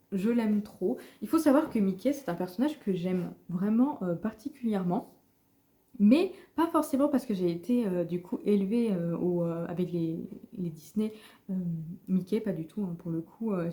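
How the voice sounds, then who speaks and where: A woman's voice: mid-range voice, normal speed, mellow. A woman chatting casually in a vlog about her reading plans, with many fillers and restarts. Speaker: book vlogger.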